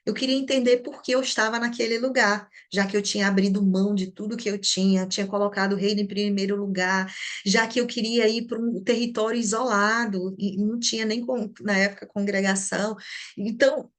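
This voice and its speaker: A woman's voice: mid-range voice, brisk. A Brazilian woman, an online therapist, giving a personal testimony in a class and acting out her past prayers and conversations. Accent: Brazilian Portuguese. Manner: storytelling, animated, acts out her own past prayers and dialogues. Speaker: online therapist and community teacher.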